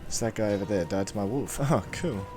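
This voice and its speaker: A man's voice: fairly low pitch, fast. A man with a broad New Zealand accent casually reacting to a video game in a laid-back, slangy way. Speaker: gamer. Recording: game music behind the voice. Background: video game music.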